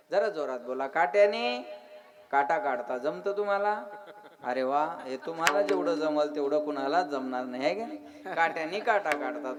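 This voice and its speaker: A man giving a devotional kirtan sermon, quizzing and teasing his listeners and chanting verse lines slowly, with a live audience behind him. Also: sits high. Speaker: kirtan preacher. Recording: live crowd audible behind.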